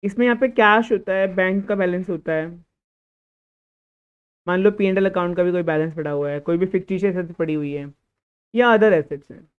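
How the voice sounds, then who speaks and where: In this accounting lecture, a man speaks fairly quickly in a high, clear, resonant voice, broken by long pauses. He asks questions only to answer them himself and at one point scolds a student, and the recording sounds tinny, like a phone.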